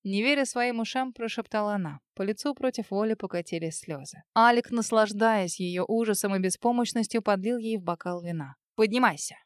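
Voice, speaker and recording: A woman narrating an audiobook with steady, even storytelling. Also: mid-range voice, fairly quick, few pauses, clean tone, dry recording, clean studio sound. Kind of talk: scripted narration.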